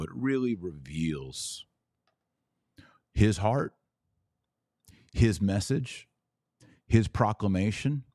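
A deep, mellow male voice, captured in clean studio sound without any room noise. He hosts a religious podcast, giving fervent commentary to camera and driving his points home with rhetorical questions and repeated phrases.

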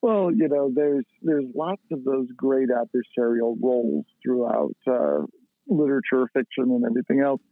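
Man, podcast co-host, gravelly voice, thoughtful explainer, dry tinny line. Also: medium pitch, animated, moderate pace, no echo. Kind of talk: casual podcast discussion.

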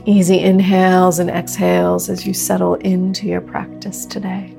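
A woman leading a guided meditation like a sleep story narrator, speaking gently and slowly with long pauses. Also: lowish voice, completely flat delivery, creaky. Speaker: meditation teacher leading a group practice. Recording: new-age music under the voice. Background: soft new-age music.

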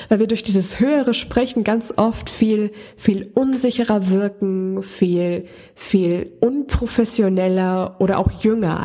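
A woman's voice: medium pitch, dark tone, slightly rough. A woman hosting her own podcast as a voice coach, speaking to the listener in a scripted coaching monologue full of questions.

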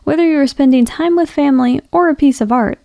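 Mellow, higher-voiced woman podcast host. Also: no echo, highs cut off. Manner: measured, reflective delivery. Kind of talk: scripted podcast narration.

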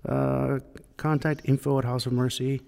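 A man's voice: mid-range voice, little pitch movement, normal speed, gravelly, warm tone. A man co-hosting a podcast in casual chat, hesitant with many fillers, recorded alone in an empty church sanctuary with a cathedral-like echo. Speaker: podcast co-host. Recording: echoey church hall reverb.

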